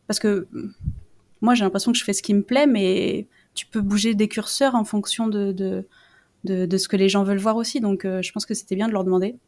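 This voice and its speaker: A woman's voice: medium pitch, steady tone, fairly quick, a little mellow. A woman from France, a guest on a podcast, talking casually with a lot of hesitation, fillers and restarts. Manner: hesitant, many fillers and restarts, self-deprecating. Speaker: guest YouTuber.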